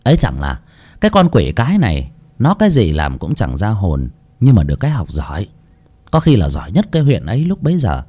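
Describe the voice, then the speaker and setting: Lively male audiobook narrator. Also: on the low side, brisk, husky. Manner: lively, expressive reading. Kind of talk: storybook narration. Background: faint background music.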